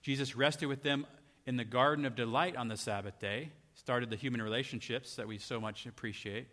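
A man's voice: mid-range voice, fairly even intonation, a little fast, fairly bright tone. A man preaching a sermon in a conversational way, often asking his listeners rhetorical questions. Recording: long hall reverb.

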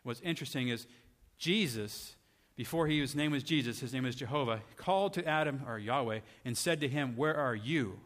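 Brisk and barely pausing, a man delivers a sermon in a mid-range, slightly bright voice. He sounds conversational, often turning rhetorical questions on his listeners, and the audio has a long hall reverb.

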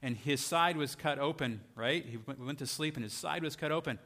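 A man's voice: a little high, brisk, pushed and bright. A man preaching a sermon in a conversational way, often asking his listeners rhetorical questions. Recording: long hall reverb.

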